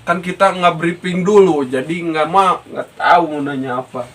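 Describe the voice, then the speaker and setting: Young Sundanese-accented woman, very deep voice, easygoing host who prompts with short replies, distant mic. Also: normal speed. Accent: Sundanese-influenced Indonesian. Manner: prompts with short agreements and questions. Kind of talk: casual chat. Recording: distant mic, faint background noise.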